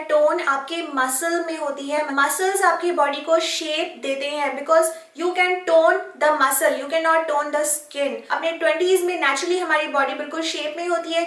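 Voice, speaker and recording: A woman's voice: high-pitched, steady tone, a little slow, few pauses, a bit bright. A woman fitness vlogger giving earnest, encouraging instructional advice to camera, switching often into English phrases. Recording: echoey room, mic at a distance.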